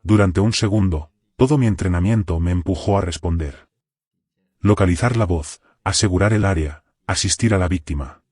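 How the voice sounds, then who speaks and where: Low-voiced man narrating horror. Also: moderate pace, a little mellow, no echo, clean studio sound. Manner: tense first-person military account.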